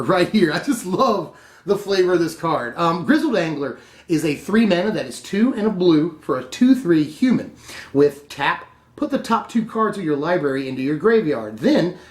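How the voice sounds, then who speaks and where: Chatty man in an echoey room. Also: fairly high pitch. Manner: chatty, laughs often, self-correcting. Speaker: channel host reviewing card spoilers. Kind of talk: casual spoiler review.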